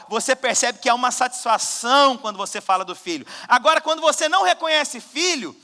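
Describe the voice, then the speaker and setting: A man preaching a sermon as pastor, swinging between loud exhortation and quiet asides. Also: very high-pitched. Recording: church hall with long reverb.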